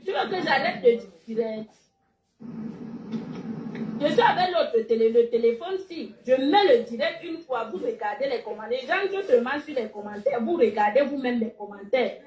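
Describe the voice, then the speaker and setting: A woman's voice: on the high side, expressive, moderate pace, a little mellow, roomy sound, poor audio. A chatty woman hosting a live stream on her phone, laughing and urging viewers on. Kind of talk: casual live-stream chat.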